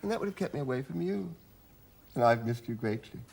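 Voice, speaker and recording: A man's voice: mid-range voice, expressive, quick pace, creaky, darkish tone. An actor playing a genial, blustering middle-aged army major who chuckles as he talks. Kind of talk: stage play acting.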